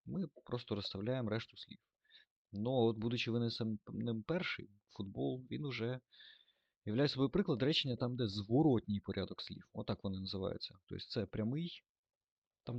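A man's voice: medium pitch, gravelly, no room sound, highs cut off. A man teaching German grammar in a lesson, thinking aloud with fillers and self-corrections.

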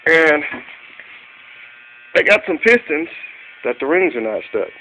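With a fairly high, sing-song voice that's bright and forceful yet unhurried, an amateur mechanic casually shows engine parts in a cluttered garage. He narrates plainly while filming on a handheld phone behind the camera. The sound is tinny, carrying an electrical hum.

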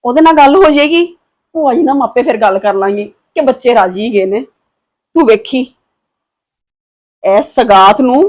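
A fierce, protective mother, played by a woman in a family drama. Her voice sits high, and she talks firmly and defiantly. She also soothes her daughter. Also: a little mellow. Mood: scheming. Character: protective, fierce middle-aged Punjabi mother.

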